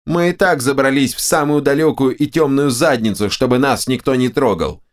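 A man's voice: moderate pace, natural voice. A man voicing the foul-mouthed, screechy right head of a male ogre in an audiobook, snarling and cursing. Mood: angry. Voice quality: shrill, creaky.

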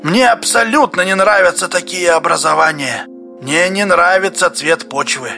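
A man voicing a feverish, excitable male geologist who talks high and agitated, often shouting. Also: moderate pace, vocal fry, faint music behind, heavily acted. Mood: uneasy.

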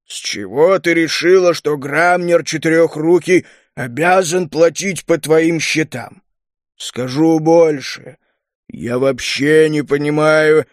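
A man voicing a huge, gruff old male kobold smith who talks in a slow growling rumble. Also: no room sound, studio quality, natural voice. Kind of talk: audiobook character reading.

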